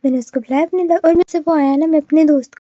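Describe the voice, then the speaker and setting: High mellow-voiced woman telling a gaming story. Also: fairly even intonation, fast talker, no echo, highs cut off. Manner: chatty, rambling, full of fillers and restarts; addresses the listener directly. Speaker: gamer recounting an online incident. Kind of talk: casual storytelling to viewers.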